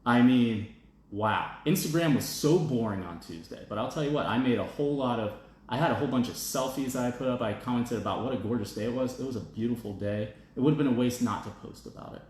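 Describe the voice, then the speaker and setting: A blunt man from the United States, hosting his own opinion show, rants in a casual, emphatic way and keeps tagging his points with "okay?" and "all right?". His voice sits at an ordinary middle pitch. It rings in a very echoey room with a faint hiss behind it. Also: fast, darkish tone. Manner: reads out viewer comments.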